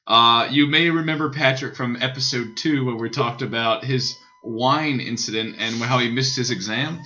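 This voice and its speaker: Young male podcast host, bright and jokey, muffled homemade recording. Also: mid-range voice, moderate pace. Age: young adult. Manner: joking, laughing often. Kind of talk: casual chat. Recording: dull lo-fi recording with faint hiss.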